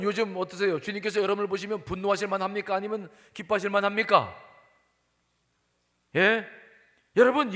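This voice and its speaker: A male pastor preaching a sermon emphatically, questioning the congregation and moving between loud and hushed delivery. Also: high-pitched. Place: church sanctuary. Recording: long hall reverb.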